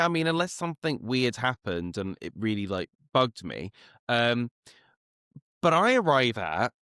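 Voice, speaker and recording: A man's voice: medium pitch, fairly bright tone, clear, resonant tone, no echo, studio quality. A man hosting a casual podcast chat, talking in an informal, self-deprecating, unbothered way. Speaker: host and media commentator.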